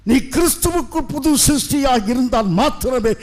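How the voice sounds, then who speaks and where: A middle-aged male pastor preaching an impassioned sermon, swinging between loud declarations and hushed asides. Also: extremely high pitch, normal speed.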